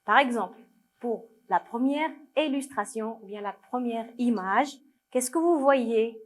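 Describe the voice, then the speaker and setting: Moroccan woman, primary teacher, slow and patient, a bit high, repeats words for kids. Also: lively intonation. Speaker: primary school French teacher. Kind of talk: video lesson for young children.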